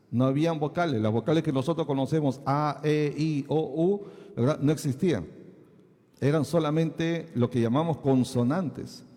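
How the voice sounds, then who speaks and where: A male pastor delivers a teaching sermon in a fairly high, mellow voice. He keeps asking his listeners whether they follow. The sound carries a long reverb from the hall. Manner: asks the congregation many checking questions.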